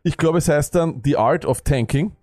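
A man's voice: on the high side, moderate pace, darkish tone, dry recording, clean studio sound. A man co-hosting a fantasy football podcast, ranting and sarcastic, jumping between thoughts. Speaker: podcast co-host. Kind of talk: casual fantasy football chat.

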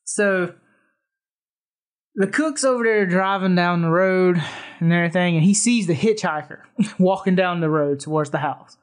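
Podcast host, chatty plot recap, mid-pitched, laughs a lot. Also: moderate pace. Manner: storytelling recap, laughs often. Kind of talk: casual movie-recap chat.

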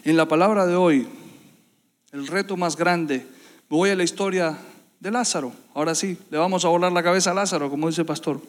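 Male preacher, high voice, fervent sermon, long church reverb. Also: brisk. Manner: impassioned, builds to loud repetitive emphasis. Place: church hall.

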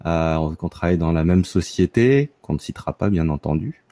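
A man hosts a casual podcast. His voice sits low and mellow, and the sound is close and dry. He talks in a relaxed way, hesitating and restarting often. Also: a little fast, dry recording. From France, near Marseille. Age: 30s. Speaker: podcast host.

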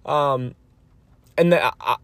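A man's voice: mid-range voice, takes it slowly, creaky, a bit bright, no echo. A man chatting casually and rambling on a solo podcast, recorded on a phone inside a parked car on a rainy day. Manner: rambling, informal, mildly profane. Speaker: podcast host. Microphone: phone microphone. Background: rain hitting the car roof.

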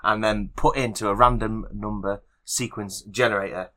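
A man with a fairly low but bright voice co-hosts a casual podcast. He explains things plainly and in a matter-of-fact way. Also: fairly even intonation, moderate pace. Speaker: podcast co-host.

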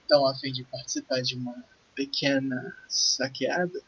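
A man with a Brazilian accent voicing a brash, ruthless, husky pirate schemer in an improvised tabletop game. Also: mid-range voice, moderate pace, fairly bright tone. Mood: conspiratorial. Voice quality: husky, raspy. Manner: crude, conspiratorial. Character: brash, ruthless male pirate plotting a kidnapping. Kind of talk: improvised tabletop role-play. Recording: dull, lo-fi voice recording.

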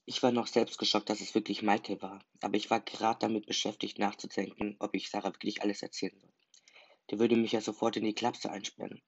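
Low gravelly male storyteller. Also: little pitch movement, brisk. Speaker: narrator. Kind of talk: first-person story reading. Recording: dull lo-fi recording.

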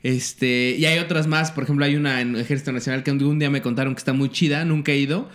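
A man's voice: mid-range voice, fairly even intonation, quick pace. A man with a Mexican Spanish accent, co-hosting a gaming podcast in chatty, profane banter. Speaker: podcast co-host. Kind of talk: crude casual banter.

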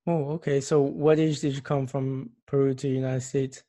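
A man's voice: medium pitch, flat delivery, moderate pace, warm tone. A man interviewing a guest and drawing her out with short, prompting questions. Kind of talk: personal interview.

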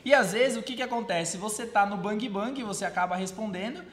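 A man's voice: high voice, fairly quick. A man co-hosting a casual podcast, telling anecdotes and changing his voice when he quotes people. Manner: storytelling, animated voice shifts when quoting. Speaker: podcast co-host. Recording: roomy echo.

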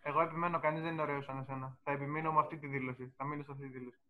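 A Greek stand-up comedian co-hosting a casual podcast, teasing the other hosts. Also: male voice, fairly high pitch, level tone, narrow, tinny audio. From Greece. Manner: teasing, quick to rib the others. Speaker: podcast co-host. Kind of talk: casual banter among comedians.

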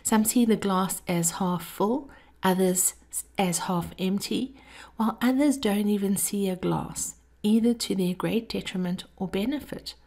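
This podcast host is a woman giving a motivational talk from a script, her manner measured and intimate. Pitched at a medium level with a darkish tone, her breathy voice tends to fall toward a whisper.

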